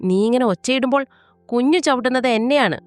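A woman voicing a proud, sharp-tongued pregnant young wife. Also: fairly high pitch, a little fast, no room sound, faint music behind, voice pushed up, lightly acted. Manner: curt, stubborn.

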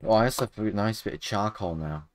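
Deep-voiced Englishman in a mock-posh tone. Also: quick pace, noisy background. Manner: playful teasing in a put-on posh voice. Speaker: gaming channel host. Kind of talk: casual gaming chat. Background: background music.

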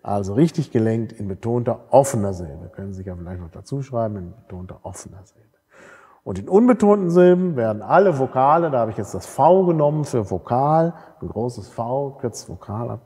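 A man's voice: mid-range voice, mellow, breathy edge. Lecturing man in a reverberant hall. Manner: explanatory, frequent tag questions and fillers. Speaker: university lecturer. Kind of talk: university lecture.

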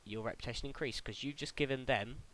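Poor audio with slight background noise carries this fast, fairly bright, medium-pitched male voice. He is a young British gaming tutorial host doing a casual voice-over, chatty by nature, tripping over his words, starting again and chuckling at his mistakes.

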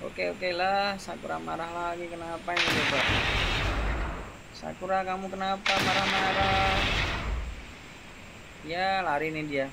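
A man giving excited, exclamation-filled commentary over a game, repeating his lines often. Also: high voice, a little slow, vocal fry, long pauses, very noisy. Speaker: gaming YouTuber.

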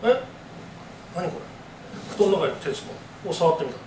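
A man's voice: on the high side, big pitch swings, fast talker, a little mellow, a little hiss or hum. A man telling a ghost story live on stage in a dramatic way, acting out the voices of the people in it. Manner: dramatic, acts out voices and gasps. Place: live event venue. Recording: echoey room from far off.

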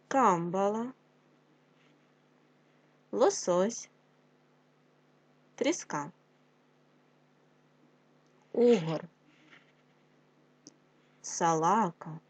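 A woman teacher giving an online lesson to young schoolchildren, talking to them warmly and reading a folk tale aloud. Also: mid-range voice, slightly rough. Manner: warm teacherly address, slow drilled syllables.

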